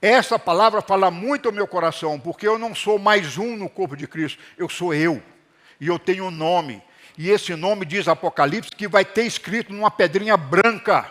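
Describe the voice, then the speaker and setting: Animated high-voiced man preaching a sermon. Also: normal speed. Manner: animated preaching with call-and-response to the congregation. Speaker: pastor. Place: church hall.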